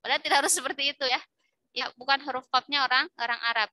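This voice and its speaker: A middle-aged woman teaching Quran recitation in an online lesson, patiently repeating syllables for her students to copy, with pauses and self-corrections. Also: high voice, steady tone, pushed and bright, no room sound. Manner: halting, with fillers and self-corrections.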